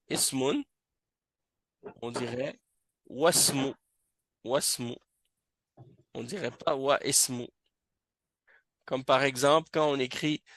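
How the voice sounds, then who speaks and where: A man teaching Arabic reading, talking slowly and patiently and repeating each word to drill it. His voice has a gravelly edge. The sound is dry and close, with no room echo. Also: medium pitch, fairly bright tone. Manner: slow, patient, repeats words to drill pronunciation. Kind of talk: classroom lesson on Arabic reading. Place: mosque classroom.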